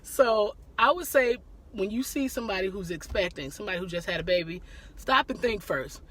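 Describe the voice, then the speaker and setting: A woman's voice: mid-range voice, animated, fairly quick, a bit bright. Woman, live-stream host, easygoing and chatty, breaks to laugh and greet viewers. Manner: laughs often, greets viewers by name mid-talk. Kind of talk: casual live-stream chat answering viewer questions.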